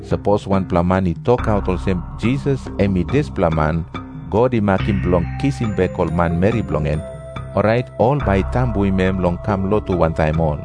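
A man's voice: low-pitched, expressive, normal speed. A man with a Papua New Guinean accent narrating scripture from a script. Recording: prominent music behind the voice.

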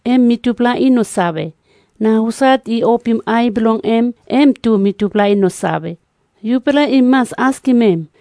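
Actress as mellow Papua New Guinean mother. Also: a little high, normal speed, no echo, close to an everyday voice. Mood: cautious. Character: cautious, evasive mother of a grown son. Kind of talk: dramatised scripture reading.

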